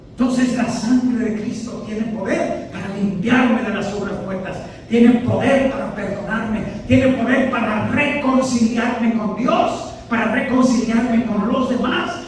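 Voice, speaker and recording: Male priest, emphatic sermon style, slow delivery, distant mic with a faint hiss. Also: very high voice. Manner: emphatic, questions the congregation, keeps saying "hermanos". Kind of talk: sermon to a prayer group. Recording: echoey hall, distant mic, faint background noise.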